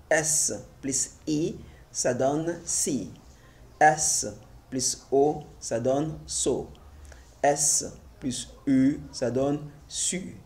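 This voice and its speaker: A man's voice: mid-range voice, a little mellow. A man teaching a French literacy lesson, spelling letters and syllables aloud one at a time and repeating them for adult learners.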